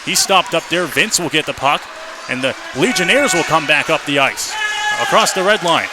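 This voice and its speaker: Broadcasting live on radio from an indoor hockey arena, this fairly high-voiced man describes the action at a normal speed in quick running phrases that can burst into excited yells. The rink is loud behind him, giving the recording a noisy, live-arena feel.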